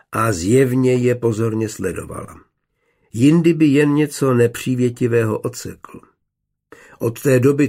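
A man narrating a novel in a measured, even storytelling manner. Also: medium pitch, vocal fry, breathy edge. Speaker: audiobook narrator. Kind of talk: scripted narration.

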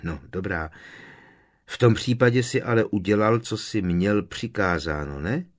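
A man's voice: on the low side, lightly acted. A man voicing a clever young witch speaking in a kind, coaxing way.

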